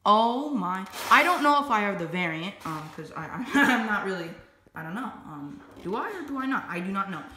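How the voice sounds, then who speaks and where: A woman unboxing toy figures, chatty and excitable, often bursting into yells and squeals. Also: mid-range voice, brisk. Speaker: toy collector vlogger. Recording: roomy echo, faint background noise.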